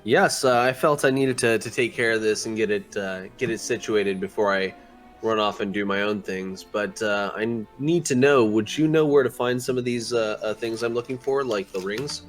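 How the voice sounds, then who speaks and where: A man's voice: on the low side, normal speed, soft background music. A man speaking in character as a player in a tabletop role-playing game, hesitant and full of fillers.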